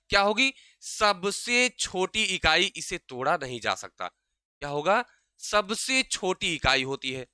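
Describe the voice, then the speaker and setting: Bright, crisp-voiced male teacher. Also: high voice, dry recording. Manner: repeats questions and answers them himself; slows down to spell out sounds. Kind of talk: exam-prep grammar lesson.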